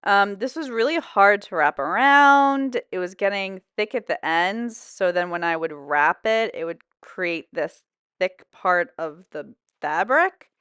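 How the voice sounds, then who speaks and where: A woman's voice: mid-range voice, animated, measured pace, fairly bright tone, smooth, no echo, studio quality. A woman giving a wry, reflective voice-over about her sewing project. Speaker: sewing vlogger. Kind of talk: voice-over narration.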